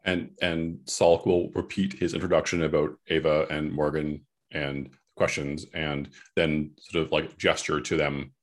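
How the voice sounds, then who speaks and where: A man's voice: a bass voice, flat delivery, unhurried, few pauses. A man playing his character in a tabletop game, often starting with a hesitant filler. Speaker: player.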